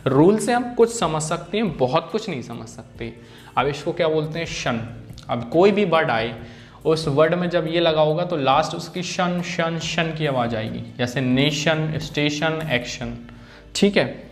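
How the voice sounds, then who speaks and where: A man's voice: fairly high pitch, expressive, measured pace, faint music behind. A man teaching an English phonics lesson, repeating example words and often checking in with his students.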